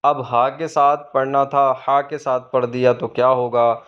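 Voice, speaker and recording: A man's voice: mid-range voice, little pitch movement, highs cut off. Patient man teaching Quran reading. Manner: patient, asks questions and answers them himself. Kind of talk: explaining a lesson to beginners.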